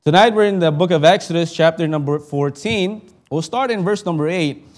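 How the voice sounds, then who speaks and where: This young adult from the Philippines delivers a sermon that moves between scripture reading and prayer. He sounds sincere and warm, climbing in intensity to stress a point and going quiet when he prays, and his somewhat high voice runs a little quick.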